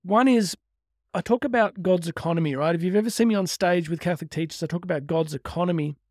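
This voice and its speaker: Speaking fast in a high-pitched voice, a man offers a motivational talk rooted in faith and religious teaching. His delivery is earnest and emphatic, with stretched key words and rhetorical questions. The recording is dry and studio-clean.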